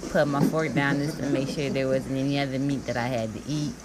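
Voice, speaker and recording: A woman's voice: rumbling low, flat delivery, fairly quick, heavy background noise. A woman narrating her own food challenge video in a laid-back, chuckling way. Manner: laid-back, chuckling, talks with mouth full. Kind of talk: casual voice-over commentary.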